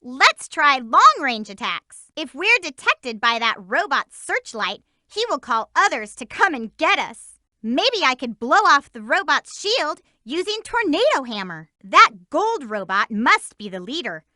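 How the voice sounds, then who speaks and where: Eager and upbeat, this is a woman playing a bossy, spirited teenage girl hedgehog, delivering game voice lines and tips with emphasis. Her exaggerated voice is high, bright, and pushed, with big pitch swings and an unhurried pace. The close studio recording has no room sound.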